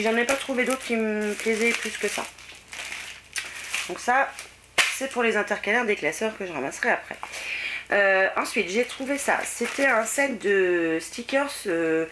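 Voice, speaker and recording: A woman's voice: medium pitch, noisy background. A middle-aged French woman chatting casually through a shopping haul, with many hesitations and fillers. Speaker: vlogger. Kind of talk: casual haul video chat.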